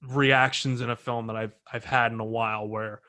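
A man's voice: medium pitch, flat delivery, sharp tone. Laid-back male podcast co-host trading takes on a film. He swears freely, laughs easily and stumbles through restarts as he talks. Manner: profane, laughs often, halting restarts. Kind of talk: casual movie review chat.

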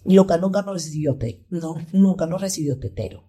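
Chatty Colombian woman with a mellow voice. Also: on the low side, fairly quick. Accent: Colombian Paisa. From Colombia, Pereira. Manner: animated, acts out her child's voice in quotes. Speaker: guest, mother and entrepreneur. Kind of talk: casual conversational chat.

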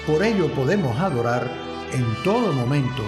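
A man from Cuba, a pastor giving a measured, reflective radio devotional sermon. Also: medium pitch, animated, echoey room, loud music behind the voice.

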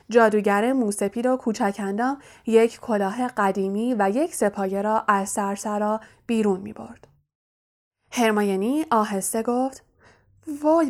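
A woman reading an audiobook as narrator in calm, even storytelling. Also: medium pitch. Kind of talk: scripted narration.

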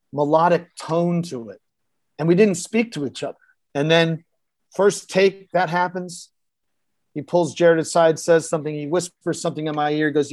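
A man sits as a podcast guest and recounts a film-set story in a loose, blunt, conversational way, now and then swearing. He slips into the voices of the people he quotes, acting their lines out. His voice sits a bit on the high side and is captured close and dry, with almost no room sound. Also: a little mellow, dry recording. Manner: vivid anecdote-teller who acts out quoted dialogue in shifting voices; casual and blunt, with occasional swearing. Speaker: actor guest.

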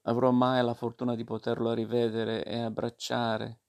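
A man's voice: mid-range voice, monotone, normal speed, gravelly, a little mellow, natural voice. A man reading aloud and voicing a naughty wooden puppet boy who pleads and promises eagerly to change.

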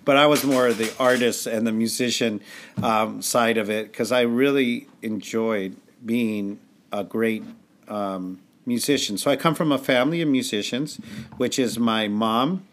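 A man's voice: medium pitch, a little slow. Eager californian guy, music teacher, loose chatty talk with lots of restarts. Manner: enthusiastic, rambling with restarts. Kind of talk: casual conversation.

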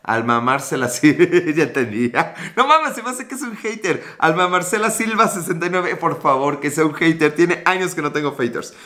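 A man's voice: on the high side, animated, normal speed, pushed and bright. Joking Mexican man on a livestream. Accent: Mexican Spanish. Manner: joking, crude slang, reads and answers comments. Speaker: livestream host. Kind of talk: casual livestream chat with viewers.

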